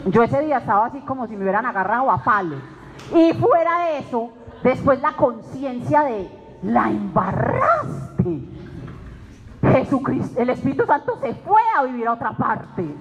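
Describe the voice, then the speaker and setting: Faint music plays behind a woman whose high voice has lively intonation and a slightly fast pace. Speaking at a weekly faith meeting, she shares an emotional testimony sermon, dramatically acting out her own words, and the recording is dull with hall reverberation.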